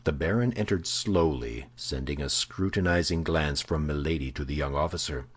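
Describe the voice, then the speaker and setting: A man narrating a classic novel as an audiobook, with measured dramatic emphasis. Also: rumbling low, husky. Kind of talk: scripted narration.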